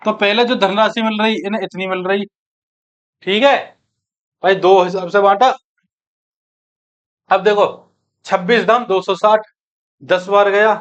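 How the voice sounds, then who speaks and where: A maths teacher with a high voice and a fairly bright, steady tone coaches students for an exam, speaking a little slowly with long pauses. He asks and answers his own questions through each calculation and calls them friends and brothers, heard through dull, muffled sound.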